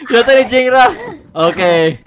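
A man's voice: very high voice, animated, normal speed, very noisy. Playful Filipino man refereeing a game. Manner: laughs often, bossy playful refereeing, repeats himself. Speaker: game streamer refereeing a match. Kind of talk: playful gaming commentary. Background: faint game music.

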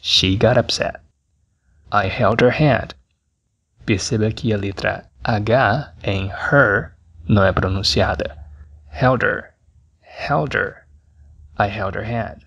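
Brief: male Brazilian English tutor, low husky voice, deliberate drilling delivery. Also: fairly bright tone. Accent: Brazilian Portuguese. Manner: repeats English phrases slowly and carefully. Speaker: English teacher. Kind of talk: scripted language lesson.

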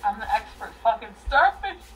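Her voice on the high side and very animated at a moderate pace, a woman in her thirties, drunk, holds a rambling, profane live chat with her stream viewers from a small bedroom. She veers emotionally between crying, laughing and shouting, captured on a distant mic with slight background noise.

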